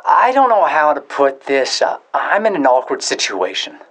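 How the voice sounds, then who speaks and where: Man acting a troubled, sheepish friend, lighter pitch. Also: huge pitch swings, moderate pace, a bit bright, exaggerated voice. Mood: awkward. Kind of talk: scripted dialogue acting.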